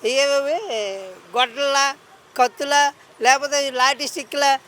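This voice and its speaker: A man's voice: very high voice, little pitch movement, unhurried, sharp tone. A man on a city street answering a reporter indignantly, firing rhetorical questions. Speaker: member of the public.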